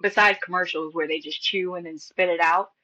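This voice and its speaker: A woman's voice: on the low side, fairly even intonation, fairly quick, pushed and bright, dull audio. A young woman co-hosting a casual movie podcast, supportive and a little rambling. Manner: supportive, rambling with fillers and restarts. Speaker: podcast co-host. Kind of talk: casual movie-rewatch chat.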